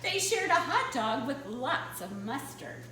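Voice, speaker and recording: A woman storyteller gives an animated picture-book read-aloud for children, her high, bright voice expressive and dramatic yet unhurried. The recording comes from a very echoey room with a distant mic and faint noise.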